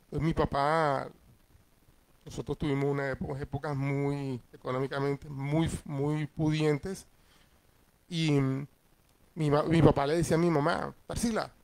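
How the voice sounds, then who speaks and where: A man's voice: a little high, little pitch movement, unhurried, creaky, darkish tone. A middle-aged man, a pastor teaching Sunday school in a conversational way and checking in with his listeners. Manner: acts out family voices in passing.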